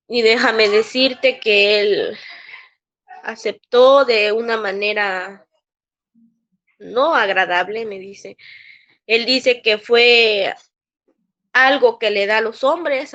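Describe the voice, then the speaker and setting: A Mexican woman with a voice on the high side and a fairly bright tone recounts a painful workplace experience in an interview, heard through lo-fi sound. Speaking with a Mexican Spanish accent, she acts out what others said and often restarts her sentences in this emotional personal testimony.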